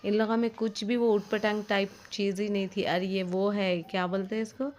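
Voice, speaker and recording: A woman's voice: medium pitch, little pitch movement, a little fast, darkish tone, slight background noise. A young woman, vlogging in a rambling, complaining, chatty way with lots of fillers. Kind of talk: casual vlog narration.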